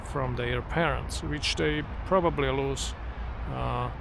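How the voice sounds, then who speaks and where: With traffic noise from the street around him, a middle-aged vlogger strolls near trees and traffic, speaking English as a second language in a casual monologue to the camera. He is unhurried and reflective, frequently restarting, and his mid-range voice is creaky.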